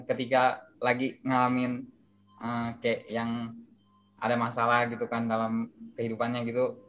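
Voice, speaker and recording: A young man in his twenties asks a long question at a church discussion. He hesitates and fills his pauses often, with a mid-pitched voice. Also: fairly bright tone, a little hiss or hum. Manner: hesitant, many fillers. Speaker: audience member asking.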